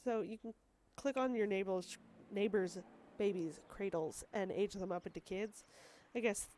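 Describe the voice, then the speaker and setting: A faint hiss or hum sits under this recording of a woman with a dark, mid-range voice speaking at a moderate pace. She hosts gaming videos and, despite a cold that makes her congested and wheezy, chats loosely about her play, often apologizing and downplaying herself.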